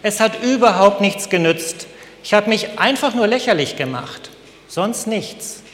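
A man's voice: on the high side, fairly bright tone, echoey room, in a large hall, a little hiss or hum, lightly acted. A man voicing a grumpy, complaining female sunflower who scolds and pities herself in a storybook tale. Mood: indignant. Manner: whiny, scolding, quick to self-pity.

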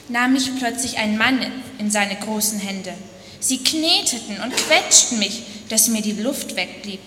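A delicate porcelain box tells its own tale in a fairly high voice with pleading outcries, as a woman speaks it. The voice rings through a long church reverb in a roomy space. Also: bright, forceful tone. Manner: pleading cries of complaint. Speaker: speaker in a church dialogue sermon. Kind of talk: dramatic first-person storytelling.

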